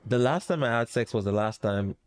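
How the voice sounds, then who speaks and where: A man on a talk show panel, relaxed and laid-back. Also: lowish voice, brisk. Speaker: panel guest. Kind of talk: casual panel chat.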